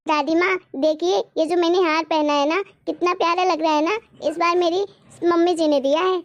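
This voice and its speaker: A woman's voice: extremely high pitch, steady tone, normal speed. A woman voicing a young daughter-in-law who chats proudly and boasts. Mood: boastful. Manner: chatty, boastful. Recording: dull lo-fi recording.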